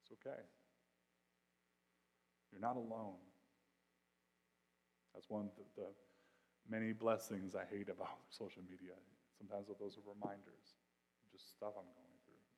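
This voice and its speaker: A man preaches from the pulpit in a loose, conversational way, dropping slang and asides into his sermon. His voice sits low and moves between hushed reflection and loud intensity. A long reverb from the church hall trails every phrase. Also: little pitch movement, a little slow, pauses often. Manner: swings from quiet reflection to loud, intense delivery. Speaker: pastor.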